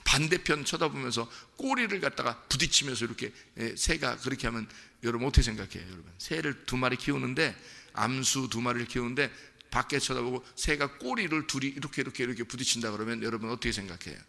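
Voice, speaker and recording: A male pastor preaching a sermon, playful and animated, putting questions to the congregation. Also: mid-range voice, fast, vocal fry, few pauses. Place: church sanctuary. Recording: church hall reverb.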